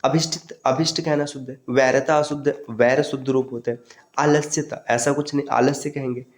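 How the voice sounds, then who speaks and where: A man's voice: medium pitch, fairly even intonation, moderate pace. A male teacher giving an online exam-prep lesson, steadily drilling correct and incorrect word forms and addressing students as friends.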